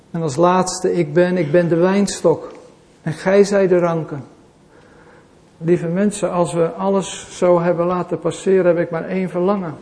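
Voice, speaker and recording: In a high voice, a pastor addresses his congregation, shifting from forceful declarations to soft asides. One rhetorical question recurs throughout.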